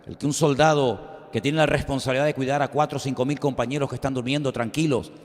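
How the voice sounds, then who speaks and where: A man's voice: mid-range voice, steady tone, fast talker. A middle-aged man preaching a sermon the pulpit, emphatic and full of rhetorical questions to the congregation. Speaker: pastor. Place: church sanctuary. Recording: long church reverb.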